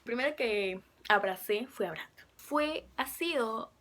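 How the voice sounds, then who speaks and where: A young woman casually telling a fan story to camera, chatty and excitable, sometimes dropping to a whisper. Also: on the high side, slow, a little hiss or hum. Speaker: fan vlogger.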